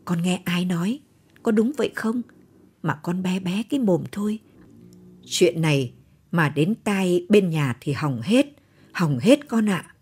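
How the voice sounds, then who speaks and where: A proud, fretful old village grandfather, as a woman narrator puts him on in a storybook reading, speaking. His voice is dark and husky, and he scolds and fusses over his family. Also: lowish voice, expressive, measured pace, long pauses. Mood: hushed. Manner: scolding, fussy old man.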